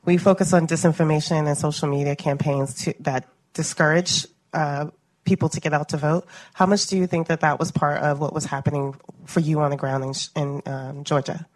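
A woman's voice: deep voice, fairly even intonation, fairly quick, darkish tone, dry recording. A woman in the audience asking a question at a live event, polite and a little hesitant.

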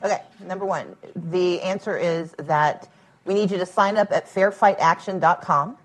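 A woman's voice: lowish voice, moderate pace, rough recording. A woman speaking at a public event, a former candidate for governor, emphatic and dryly humorous with homely analogies. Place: event room with a live audience.

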